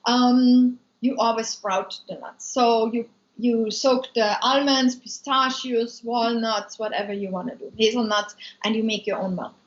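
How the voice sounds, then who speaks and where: An Austrian food maker and business owner chats loosely on a live stream, answering viewer comments with many ums in an Austrian German accent. Her voice is a little high, steady and unhurried, recorded in an echoey room with dull lo-fi sound.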